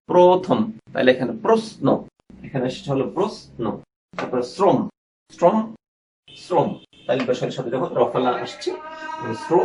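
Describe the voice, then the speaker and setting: A male teacher giving a recorded class lesson, sounding out words slowly and repeating them for his students. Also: mid-range voice, a little hiss or hum, low-quality recording.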